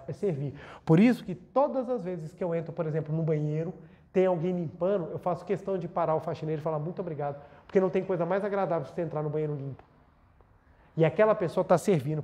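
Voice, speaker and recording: A man's voice: on the high side, warm tone. A man with a Brazilian Portuguese accent giving an earnest spiritual lecture, repeating words for emphasis and leading a meditation. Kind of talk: spiritual talk and guided meditation.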